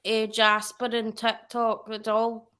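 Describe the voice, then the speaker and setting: A woman chats casually as a livestream guest, her voice bright and ringing and set a little high. She rambles and corrects herself as she goes. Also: monotone, slow pace, clean tone. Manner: chatty, rambling, self-correcting.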